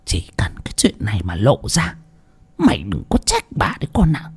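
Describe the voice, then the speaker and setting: Storybook: male narrator as a cold, threatening mistress, hushed and menacing. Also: lowish voice, huge pitch swings, moderate pace, breathy edge, heavily acted. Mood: cold menace. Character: cruel scheming rich woman, cold and threatening.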